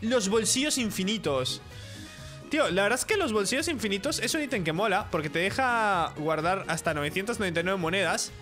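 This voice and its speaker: Lively high-voiced gaming commentator. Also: male voice, fairly quick, soft background music. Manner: playful, theatrical, talks to game characters. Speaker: gaming YouTuber. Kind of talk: gameplay commentary.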